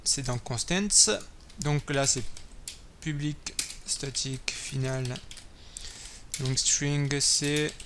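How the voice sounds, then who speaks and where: A man's voice: medium pitch, level tone, very slow, pauses often, noisy background. A man hosting a coding tutorial, thinking aloud while typing, with many fillers and self-corrections. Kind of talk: screen-recorded coding tutorial. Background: keyboard typing and clicks.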